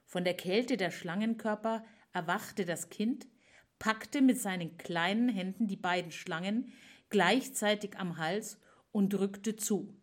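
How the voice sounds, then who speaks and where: Woman, storyteller, scripted myth narration, unhurried, dramatic. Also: mid-range voice.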